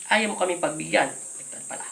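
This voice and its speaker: A woman folk healer interrogating a spirit during a healing ritual, commanding and repeating her questions loudly. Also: on the low side, fast talker, gravelly. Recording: echoey room, voice from some distance, faint hiss.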